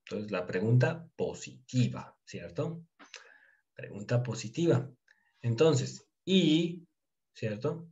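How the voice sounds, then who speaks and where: A man teaching Turkish, slowly drilling question forms and explaining in quick, casual asides. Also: mid-range voice, animated, darkish tone, dull audio. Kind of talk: casual language lesson.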